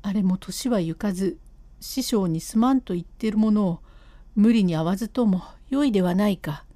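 A woman's voice: normal speed, warm tone, dry recording, lightly acted. A woman voicing an older male master painter who keeps apologizing yet refuses to give in, in a storybook reading of a classic comic tale. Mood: pleading. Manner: lowered voice, pleading and firm by turns.

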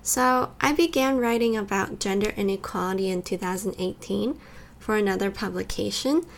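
A young woman who grew up in both California and Taiwan co-hosts a podcast, chatting casually at a normal pace in a medium-pitched voice with vocal fry. Her conversational speech is full of "like" fillers.

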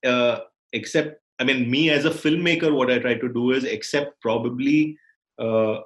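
A man's voice: medium pitch, moderate pace. A man with an Indian accent in reflective conversation, searching for words and repeating phrases as he thinks. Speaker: filmmaker.

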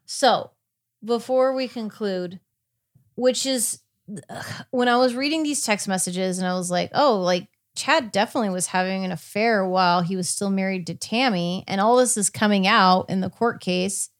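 Speaking at medium pitch and a moderate pace, a female podcast host casually talks through a court case, frequently pausing and correcting herself as she goes. The studio recording is clean and echo-free.

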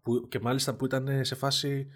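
A man with a mid-range voice in an easygoing podcast conversation. He thinks out loud, weighs his ideas and often drops in brief agreeing interjections. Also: medium pitch, level tone. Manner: thoughtful, musing aloud with short agreeing interjections. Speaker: podcast co-host. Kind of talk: casual discussion.

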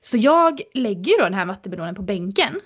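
Woman, podcast guest, animated casual storytelling, filler-heavy, medium pitch, muffled recording.

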